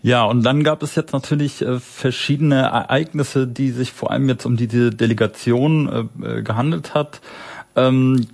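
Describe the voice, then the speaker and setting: A man's voice: mid-range voice, steady tone, normal speed, vocal fry, darkish tone. A man hosting a radio show in a studio, speaking in long, rambling sentences. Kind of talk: casual radio presenting. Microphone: studio microphone.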